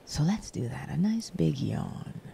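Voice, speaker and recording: A woman with a low, mellow, slightly creaky voice leads a nighttime guided meditation, her intonation lively yet breathy and calming, sometimes almost a whisper. Generous pauses fall between her brief, gentle directions, over a faint hiss or hum.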